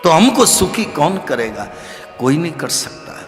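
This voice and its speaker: A man giving an animated devotional scripture discourse as a religious storyteller, sometimes rising to loud exclamations. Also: fairly high pitch, measured pace, reverberant, big-room sound, soft background music. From Rajasthan, India.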